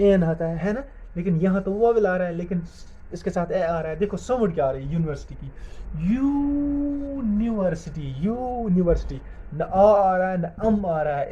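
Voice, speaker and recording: Man teaching grammar, dark dull sound. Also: a little high. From Jammu and Kashmir. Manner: repeats questions to the class and answers them himself; spells words out letter by letter. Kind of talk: classroom-style video lesson.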